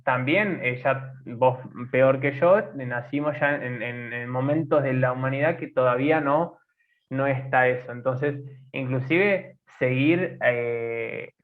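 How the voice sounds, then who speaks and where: A man in his twenties with an Argentine accent, co-hosting a casual podcast and talking haltingly with many fillers and restarts. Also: mid-range voice. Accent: Argentine Spanish. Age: 20s. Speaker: podcast co-host. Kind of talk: casual conversation. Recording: tinny phone-like sound.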